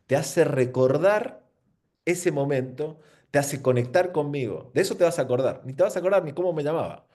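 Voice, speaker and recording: An Argentine man gives an informal seminar talk on marketing. His pitch swings widely as he asks rhetorical questions and drops slang. The tone of his voice is warm and mellow. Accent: Argentine Spanish. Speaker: marketing speaker. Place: venue with an audience.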